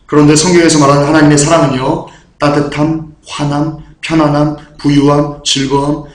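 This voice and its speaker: A man preaching a sermon with fervent, repetitive phrasing that swings up into shouted proclamations. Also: fairly high pitch, level tone, normal speed, roomy sound.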